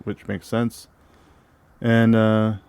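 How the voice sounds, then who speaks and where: A man co-hosting a casual movie podcast. He reads film credits haltingly, with many fillers and restarts. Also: lowish voice, completely flat delivery, gravelly, darkish tone, clear, resonant tone, dry recording. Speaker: podcast co-host.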